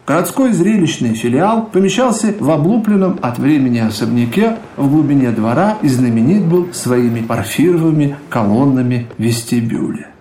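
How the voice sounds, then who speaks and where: A man's voice: mid-range voice, slight background noise. Roomy-voiced male narrator of a radio play. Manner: measured, expressive storytelling. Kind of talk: literary narration in an audio drama.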